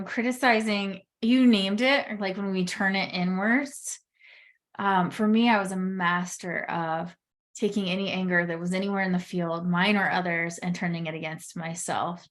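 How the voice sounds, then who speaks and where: A woman hosting a podcast, speaking in an affirming, personal way as she talks with her guest. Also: lowish voice. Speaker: podcast host. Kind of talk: conversational interview.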